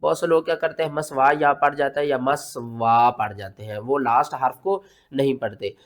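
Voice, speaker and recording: A man teaching Quran recitation step by step. He asks himself questions as he explains, then recites slowly in a drawn-out chant. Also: mid-range voice. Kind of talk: step-by-step tajweed lesson.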